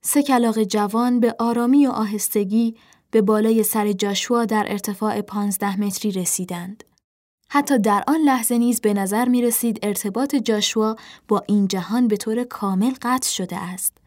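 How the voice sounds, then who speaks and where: A woman narrating a children's animal story in a soft, measured reading voice. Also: mid-range voice.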